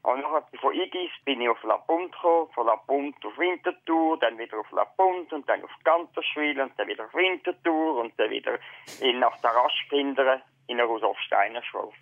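A man calling in over the phone, telling his story in a halting, plain way. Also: mid-range voice, no echo. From Switzerland. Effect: heard over the phone. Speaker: caller. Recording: tinny phone line.

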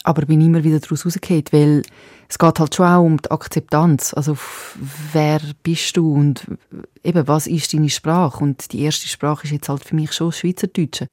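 An author in her late thirties from Switzerland, a native Serbo-Croatian speaker with a Swiss German accent from the Zurich/Winterthur area, reflects casually on her writing in an interview. Her low-pitched, darkish voice is fairly even at normal speed, and she is thoughtful and self-questioning with frequent restarts. The studio sound is clean with no echo.

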